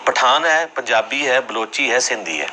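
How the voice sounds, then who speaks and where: A man from Jhelum, Punjab, Pakistan gives a religious lecture in a classroom, explaining points conversationally and using tag questions to check that listeners follow and agree. His medium-pitched voice is expressive, with a noisy background.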